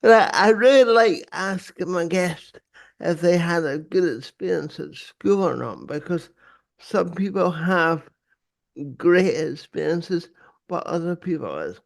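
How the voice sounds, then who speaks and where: High-pitched, creaky older man. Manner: halting, hesitant, repeats words. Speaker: podcast host. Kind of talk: casual, conversational interview. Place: small home room, video call. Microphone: close desk microphone on arm.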